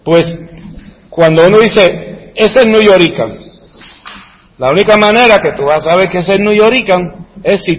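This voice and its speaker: A man's voice: high-pitched, a little hiss or hum. A man chatting casually as a host, rambling, asking rhetorical questions and chuckling. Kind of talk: casual chat, answering viewer comments. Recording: echoey room with long reverb.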